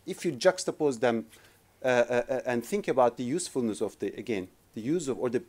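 A man's voice: mid-range voice, lively intonation, brisk, a little mellow. A man from Turkey in his forties, responding as a discussant on a conference panel, hesitating often with fillers and restarts, speaking from a podium in a lecture hall. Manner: hesitant, many filler restarts, gestures with notes. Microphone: podium microphone.

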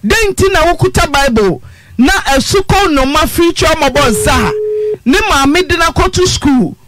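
A Ghanaian woman runs a radio phone-in from a studio mic, pressing and interrogating her caller. Her voice sits very high and moves with lively swings of pitch. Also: measured pace. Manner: pressing, interrogating, laughing mockingly. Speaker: radio host.

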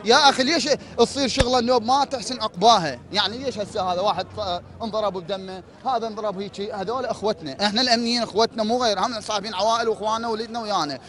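A man's voice: high voice, very fast, hardly any pauses, a bit bright. A man with an Iraqi accent speaking outdoors at a street protest, pleading and repeating rhetorical questions as a hospital administrative worker. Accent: Iraqi Arabic. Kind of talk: impassioned street protest speech.

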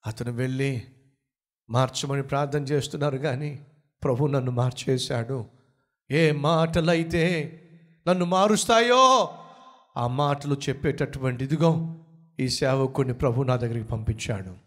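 A man's voice: medium pitch, unhurried, long pauses. A male pastor preaching a sermon, telling a story dramatically and acting out the quoted dialogue. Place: church pulpit.

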